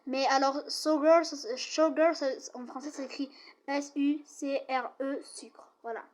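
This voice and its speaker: A woman's voice: sits high, fairly even intonation, measured pace, darkish tone. A young woman giving a casual home video lesson, chatty and apologetic, often restarting her sentences. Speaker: youtuber teaching English words.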